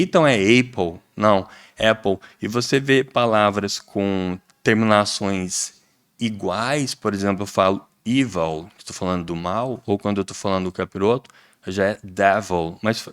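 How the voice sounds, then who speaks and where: A middle-aged man with a Brazilian Portuguese accent, an English teacher guest explaining things in a lively, demonstrative way, often saying "né". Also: lowish voice. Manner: lively, demonstrative, repeats "né", acts out pronunciations. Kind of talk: casual explanatory interview talk.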